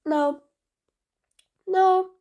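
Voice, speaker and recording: A woman's voice: very high voice, steady tone, drawn-out words, darkish tone, exaggerated voice. A woman voicing a sarcastic, exasperated female supervillain in an audio role-play drama, taunting her prisoner with bossy nicknames. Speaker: voice actress.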